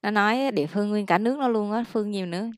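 A woman, tutoring English casually, explaining slowly and repeating words for practice. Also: medium pitch, smooth, no room sound. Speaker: English teacher.

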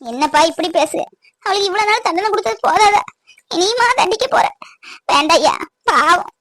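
A woman's voice: very high voice, expressive, normal speed, no room sound, studio quality, heavily acted. A woman voicing an aging mother in a cartoon who tenderly pleads with her grown son to forgive his sister. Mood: pleading. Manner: tender, pleading, scolding gently. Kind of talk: cartoon voice acting.

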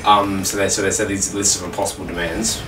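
An Australian man with a low-pitched, flat, slightly fast voice tells history stories casually over gameplay in a gaming video, rambling, swearing and repeating himself. The mic is distant and the room is audible, with faint noise.

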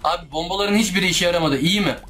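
Very fast and a bit bright, this man's high-sitting voice carries slight background noise and faint game music behind it. A gaming YouTuber doing a casual let's-play, he gets frustrated, swears frequently, and argues with the game.

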